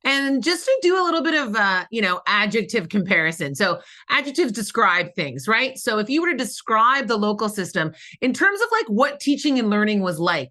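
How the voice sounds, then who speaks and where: A woman hosts a podcast interview in a bright, sharp voice at a middling pitch. She asks long, encouraging questions, padded with an occasional um or uh.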